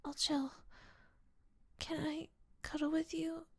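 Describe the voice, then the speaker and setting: A woman doing a clingy, high yandere elf girl, whispered role-play. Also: little pitch movement, takes it slowly, dry recording, clean studio sound, exaggerated voice. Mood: pleading, clingy. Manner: pleading, slips into whispers. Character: obsessive, clingy young female elf in love. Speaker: ASMR role-play performer.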